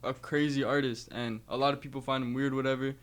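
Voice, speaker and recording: Fast-talking male producer, chatty. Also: medium pitch, level tone. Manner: fast, chatty, uses you know a lot. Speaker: producer and mixing engineer. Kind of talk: casual interview. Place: radio studio.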